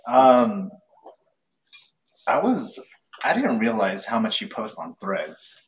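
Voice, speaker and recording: A man's voice: lowish voice, sing-song, slow. A man co-hosting a podcast, easygoing and joking in casual chat. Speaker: podcast co-host. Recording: distant mic with faint noise.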